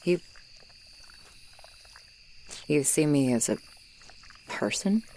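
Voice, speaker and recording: A woman voices a gruff, tsundere swamp monster girl who was once human and is lonely, speaking an ASMR roleplay monologue straight to the listener. Her low, unhurried voice sounds guarded and touched, grudging and halting, delivered close and intimately. Crickets and frogs fill the swamp night behind her, with slight background noise.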